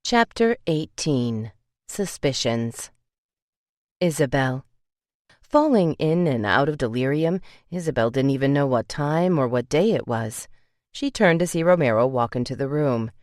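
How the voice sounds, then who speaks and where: A woman's voice: a bass voice, expressive, measured pace, darkish tone, no room sound. Woman narrating a romance audiobook, dry.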